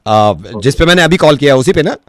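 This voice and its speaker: A young man, a radio jockey, making a prank phone call. He shifts from hesitant, overpolite mumbling to loud ranting. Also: mid-range voice, sing-song, a little fast, no room sound, clean studio sound.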